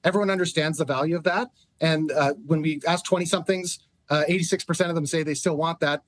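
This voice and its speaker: A man gives analysis as an interview guest, talking quickly in a slightly high voice. He is conversational but emphatic. The sound is dry. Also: steady tone, no room sound. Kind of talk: live news interview.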